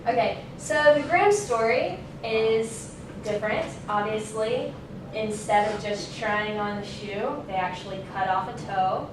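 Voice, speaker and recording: An unhurried young woman with a mid-range voice gives an informal student speech in a classroom, loosely worded and casual, and she fixes her own mistakes as she goes. The recording comes from a distant camera mic in a very echoey, noisy room.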